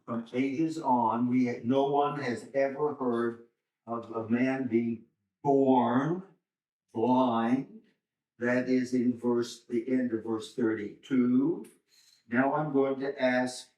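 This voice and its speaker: An older man, a seminary professor, slowly reading and explaining scripture to a class. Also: medium pitch, steady tone, darkish tone. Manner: slow, deliberate, pauses to explain Greek words. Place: church hall. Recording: roomy church hall, mic far off.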